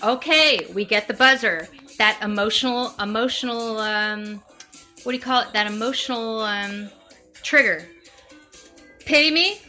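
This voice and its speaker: Bright-voiced rambling woman, faint music. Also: mid-range voice, moderate pace. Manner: rambling, with mock-dramatic acted-out examples. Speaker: comic character giving a tutorial. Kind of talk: improvised comedic monologue.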